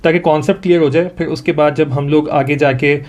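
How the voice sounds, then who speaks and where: A man with a Pakistani accent teaching Quran reading one-on-one, patient, modeling each sound slowly for his student to repeat. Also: fairly high pitch, steady tone, darkish tone, lo-fi sound.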